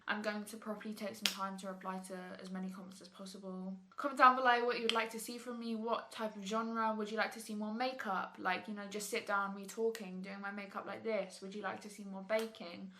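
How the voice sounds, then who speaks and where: A teenage girl talks to her viewers in a loose, rambling sit-down vlog recorded in her bedroom. Her voice is bright and clear, sitting at an ordinary middle pitch for a young woman. She fills her sentences with "like" and "you know" as she chats. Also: slight background noise. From England. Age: teens. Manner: rambling, chatty, lots of "like". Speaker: YouTuber. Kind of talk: casual sit-down vlog chat.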